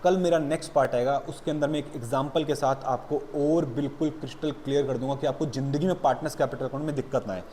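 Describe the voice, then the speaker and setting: With few pauses, a man speaks fast in a steady, dark, medium-pitched voice, with a slight hiss or hum. He teaches an accountancy lecture, calls the class "beta," and alternates explanations with blunt motivational scolding.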